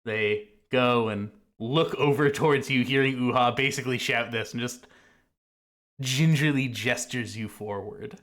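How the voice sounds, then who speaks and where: A man's voice: medium pitch, measured pace, a bit bright. A man narrating a tabletop game as game master.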